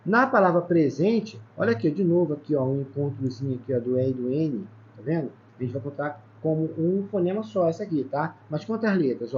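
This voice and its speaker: A Brazilian teacher explains grammar step by step, counting letters aloud and checking in with short "tá?" and "ó" asides. His voice sits fairly high for a man. The recording is a bit dull, with a faint hiss underneath. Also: mellow. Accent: Brazilian Portuguese. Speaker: Portuguese teacher. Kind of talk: exam-prep lesson at a whiteboard. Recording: slightly dull sound with faint background noise.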